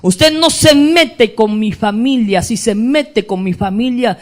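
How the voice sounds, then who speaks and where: A man's voice: very high voice, slow. A man voicing an arrogant man who boasts about his family and threatens others in a sermon illustration.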